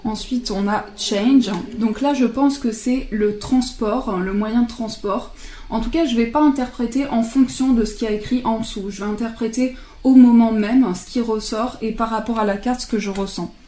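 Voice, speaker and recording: Mellow-voiced woman presenting oracle cards. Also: fairly high pitch, normal speed, reverberant. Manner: chatty, laughs softly at herself, translates aloud. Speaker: card reader presenting oracle decks. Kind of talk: casual card deck presentation.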